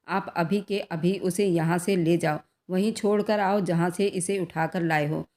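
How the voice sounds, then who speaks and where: Woman playing an indignant hurt wife, lowish pitch, mellow tone, storybook. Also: fairly even intonation, a little slow, natural voice. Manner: indignant, pleading. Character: distraught middle-aged wife and mother.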